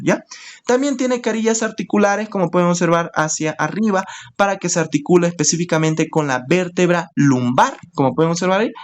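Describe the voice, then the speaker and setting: Male anatomy teacher, walks students through it step by step, repeats the key terms, keeps checking in with them. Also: on the high side. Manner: explains step by step, often checks in with "¿ok?". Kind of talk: screen-share anatomy lesson.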